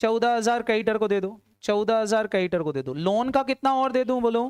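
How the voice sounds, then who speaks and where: A woman teacher runs an accounts lesson, pressing her students for fast answers and then supplying them herself. Her voice sits a little high and comes across smooth and resonant. The recording is close and dry, with no room sound. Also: a little mellow, no room sound. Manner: quizzing students, answering her own questions; urging quick answers. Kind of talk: classroom lecture.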